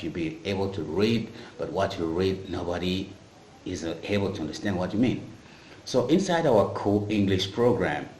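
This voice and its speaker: Brief: low-voiced male language teacher from Africa, patient and repetitive, echoey room, faint noise. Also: darkish tone. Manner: patient, repeats key phrases. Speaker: English teacher. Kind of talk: bilingual language lesson.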